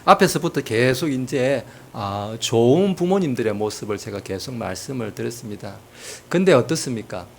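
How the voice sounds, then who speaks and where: A man's voice: medium pitch, animated, normal speed, creaky, hardly any pauses, a little hiss or hum. A man preaching a sermon as pastor, telling humorous family stories with acted quotes.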